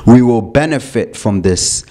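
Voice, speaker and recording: A man's voice: medium pitch, lively intonation, a little slow, mellow. A young man lecturing youth on faith in a community hall, asking rhetorical questions and often restarting his phrases.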